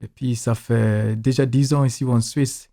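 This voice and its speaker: Pasteur à l'ghanéen, voix douce. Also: male voice, mid-range voice, fairly even intonation, unhurried, gravelly, warm tone. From Ghana. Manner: simple, careful phrasing. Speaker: pastor.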